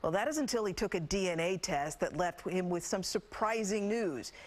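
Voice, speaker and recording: A woman with an American accent reads scripted TV news as an anchor. Her voice is fairly low and animated, at a normal pace.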